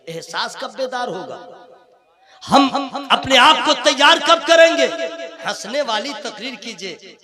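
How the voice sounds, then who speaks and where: A man with a strikingly high-pitched voice delivers a religious speech at a conference, his fervent, rhythmic preaching giving way to relaxed, joking asides. The live crowd can be heard behind him throughout. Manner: alternates impassioned rhythmic oratory with chatty, joking asides to the crowd. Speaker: Islamic preacher. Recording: live event with audible crowd. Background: audience murmur and laughter.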